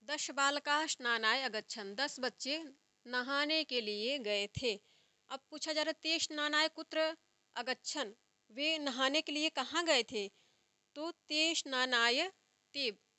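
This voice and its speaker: A young woman teaches an exam-prep grammar lesson, reciting each form slowly and going back over it. Her voice sits high and sounds bright and clear. The sound is dry and close, with no room around it. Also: no echo. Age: young adult. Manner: slow, repetitive recitation of word forms, explaining step by step. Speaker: Sanskrit teacher.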